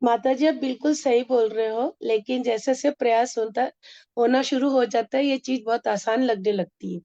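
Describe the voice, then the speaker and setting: Woman, class participant, respectful, mellow voice, dull lo-fi sound. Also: on the high side, normal speed. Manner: respectful, speaks from experience. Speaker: devotee in the class. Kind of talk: speaking up in a live class.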